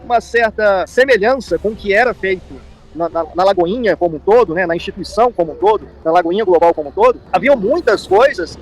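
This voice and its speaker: A pastor with a Brazilian accent gives commentary in an interview, his high-pitched voice lively in intonation and a little fast. He explains things, repeats himself, and often seeks agreement with tag questions.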